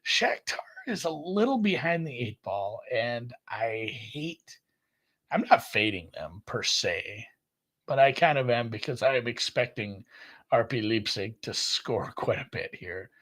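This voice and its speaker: A man co-hosting a sports betting podcast, talking in a rambling casual way and correcting himself often. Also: unhurried. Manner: rambling, self-correcting, lively jumps in pitch. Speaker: podcast co-host.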